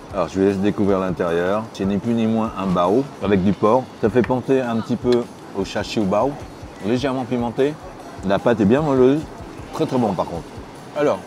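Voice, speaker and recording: A middle-aged man hosting a food vlog, giving measured, descriptive tasting remarks in a casual way. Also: lowish voice, a little mellow, a little hiss or hum. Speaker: food vlogger host. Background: background music.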